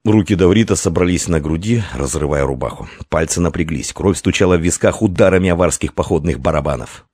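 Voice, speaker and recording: A man narrating a historical adventure audiobook in a measured, expressive manner. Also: deep voice, breathy edge, no room sound, clean studio sound.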